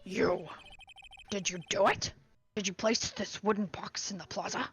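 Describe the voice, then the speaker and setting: A woman voicing a stern, haughty female prosecutor who speaks in a commanding, deliberate way. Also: mid-range voice, steady tone, natural voice. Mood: accusing.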